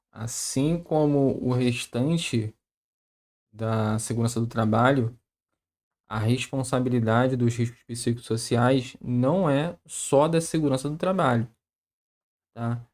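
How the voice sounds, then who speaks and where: A co-host on a live stream explaining a point in a measured, explanatory way, closing sentences with "tá?". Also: mid-range voice, a little mellow.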